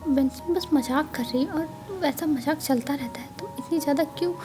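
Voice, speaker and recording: A woman voicing a gentle older brother who calms and teases his sibling. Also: high-pitched, fairly quick, music in the background, natural voice. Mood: teasing. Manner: soothing, joking.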